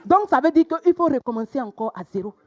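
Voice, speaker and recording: A young woman performing a stand-up comedy routine, telling stories with sudden loud exclamations. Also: sits high, animated, fairly quick, very noisy. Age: young adult.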